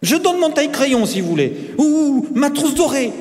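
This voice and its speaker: A boastful, spoiled schoolboy, played by a man, speaking in a high, lively, insistent voice. He is proud and naive, pleading and bragging in turn. The voice rings out in a long, echoing hall reverb. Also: normal speed. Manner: eager, insistent, whiny.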